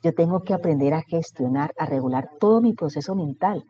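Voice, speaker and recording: A man's voice: fairly high pitch, animated, a little fast. A man running a writing workshop, explaining step by step and putting questions to his audience. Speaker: workshop instructor. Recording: dull lo-fi recording.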